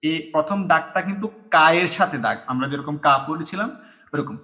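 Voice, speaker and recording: A man's voice: fairly high pitch, a little fast, pushed and bright. A man teaching a language lesson step by step, patiently repeating each sound and counting strokes aloud. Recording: dull lo-fi recording.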